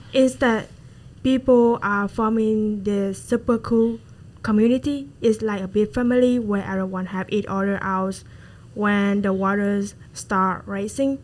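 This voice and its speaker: A woman's voice: mid-range voice, darkish tone, poor audio. A woman from Vietnam with a Vietnamese accent, talking in a student discussion and searching for words in plain, chatty phrases. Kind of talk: student discussion role-play.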